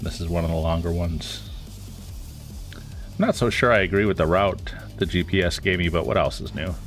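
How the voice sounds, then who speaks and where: A man's voice: sits low, normal speed, soft background music. A man giving casual, rambling live gameplay commentary as a streamer, his voice stuffy from a cold.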